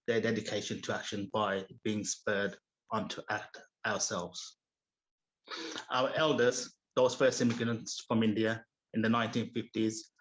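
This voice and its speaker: A man speaking for his mosque community, giving a measured, read-out speech at a civic assembly. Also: lowish voice, muffled recording. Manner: measured, read-out delivery with small restarts.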